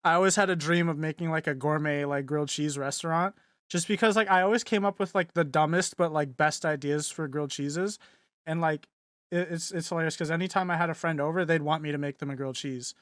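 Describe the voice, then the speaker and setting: A man's voice: fairly high pitch, a little fast, no room sound, clean studio sound. A young man co-hosting a podcast, chatting casually and rambling with many fillers and restarts. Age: young adult. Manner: mimics voices loudly in quotes. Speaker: podcast co-host. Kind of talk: casual chat.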